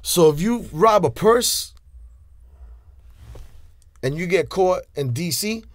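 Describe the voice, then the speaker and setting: A man in his forties with a New York accent tells stories as a guest in a casual interview, using lots of street slang, animated hand gestures and many restarts. His voice is high-pitched and slow. The dry recording comes from a studio mic on a stand in a small studio with a leather couch.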